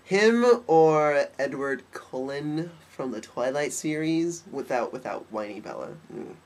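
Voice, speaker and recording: A young adult man with a high-ish, animated voice that sounds stuffed and nasal vlogs casually into the webcam on his desk. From his bedroom, he talks in a campy, cheeky way, tossing in quick asides.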